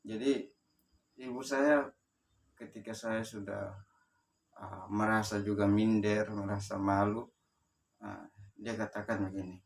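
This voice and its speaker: A man from Sumba with a low voice recounts his life story in a halting way. He pauses often and restarts his sentences. His voice sounds distant, picked up from some way off the mic. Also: steady tone. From Sumba, eastern Indonesia. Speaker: motivational speaker. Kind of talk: personal life story told to camera.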